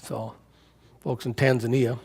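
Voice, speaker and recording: A man's voice: mid-range voice, little pitch movement, a little slow, darkish tone, breathy edge. A man in his sixties, an American missionary, giving a folksy, joking missions talk to a church congregation. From United States. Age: 60s. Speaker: missionary speaker. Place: church sanctuary. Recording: hall reverb in a church.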